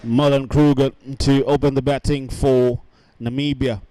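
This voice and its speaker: A man doing live cricket commentary in a measured, unhurried way. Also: medium pitch, level tone, mellow.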